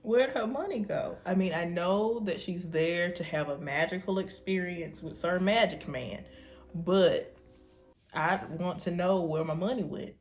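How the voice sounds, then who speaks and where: A woman's voice: lowish voice, unhurried, faint music behind. A woman with an American accent giving colloquial, casual reaction commentary as she talks back to the screen. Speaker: reaction show host.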